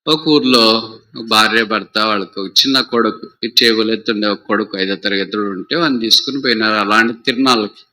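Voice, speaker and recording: Bright-voiced storytelling Telugu preacher man. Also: fairly low pitch, fairly quick, a little hiss or hum. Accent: Rayalaseema Telugu. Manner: conversational storytelling, asks the audience questions. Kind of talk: sermon with a parable.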